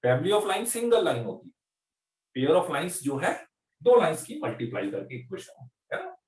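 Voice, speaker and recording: A male maths teacher with a high voice explains slowly and repeats each step, often asking his students whether they follow. He speaks from a distance, and the room echoes around him. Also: big pitch swings, a little mellow. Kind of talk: online class lecture.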